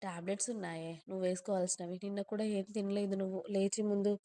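A woman voicing a teasing, bossy young husband who scolds with care, in a gruff tone. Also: medium pitch, flat delivery, quick pace, dark tone, dry recording, close to an everyday voice.

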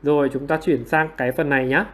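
Higher-voiced man coaxing students for answers. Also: steady tone, noisy background. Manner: self-deprecating, quick to apologize with laughs. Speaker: online English teacher. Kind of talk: livestream quiz teaching.

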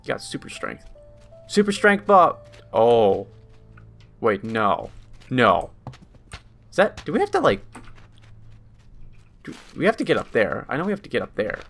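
A young man giving casual, excitable game commentary, swearing a lot and talking to his character. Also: medium pitch, unhurried, vocal fry, pauses often, soft background music. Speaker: gaming channel host.

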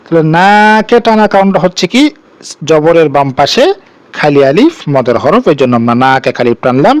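A man's voice: a little high, expressive, normal speed, no echo. A man teaching Quran reading, spelling out Arabic syllables one by one and drawing out each blended word in a patient chant. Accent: Bangladeshi Bengali.

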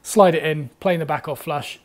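A man's voice: on the high side, normal speed. A young man, teaching woodworking in a workshop, chatty and upbeat as he explains each step. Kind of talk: instructional talk.

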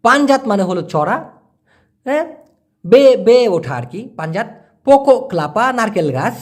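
A man giving a casual language lesson, explaining slowly and repeating words as he breaks them down. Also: sits high, very animated. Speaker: language teacher.

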